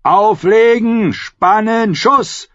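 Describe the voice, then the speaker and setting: A man voicing a young male commander who bellows orders to his archers, slow and drawn out. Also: lowish voice, fairly even intonation, slightly rough, no room sound, dull audio. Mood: commanding. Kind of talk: audiobook character voice.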